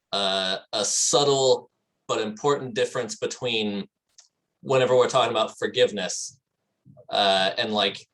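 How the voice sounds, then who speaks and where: A man's voice: on the low side, a bit bright, low-quality recording. A man in a meditation class, sharing a thought and searching for words as he goes. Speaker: class participant. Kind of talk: sharing in a group discussion.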